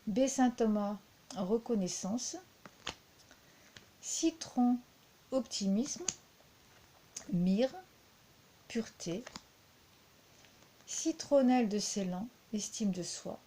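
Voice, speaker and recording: A woman's voice: a little high, extremely slow, long pauses, dark tone, a little hiss or hum. A woman with a French accent reviewing a deck of cards, talking unhurriedly with frequent fillers and repeated words.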